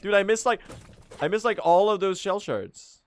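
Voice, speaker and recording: Speedrunning live, this young guy talks loosely to viewers, quick to laugh and poke fun at himself. His voice sits high and hasn't fully recovered from strain, with a little hiss or hum in the recording.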